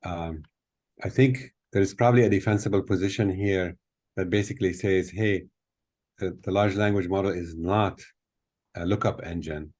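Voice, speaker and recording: Deep-voiced older man on a video call. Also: fairly even intonation, normal speed, a little mellow. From Tunisia. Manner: thoughtful, explanatory, with many fillers. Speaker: guest speaker. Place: hotel room with window. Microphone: laptop webcam on video call.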